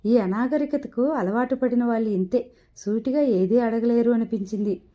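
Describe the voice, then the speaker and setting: A woman reading a novel aloud in steady storytelling narration. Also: on the high side, normal speed. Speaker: audiobook narrator. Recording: dull lo-fi recording.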